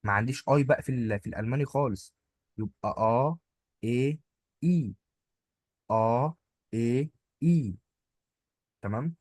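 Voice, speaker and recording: Husky Egyptian man teaching playfully. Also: medium pitch, moderate pace, long pauses, darkish tone, no echo. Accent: Egyptian Arabic. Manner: playful, explains with little stories and jokes. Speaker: German language teacher. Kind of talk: informal online lesson.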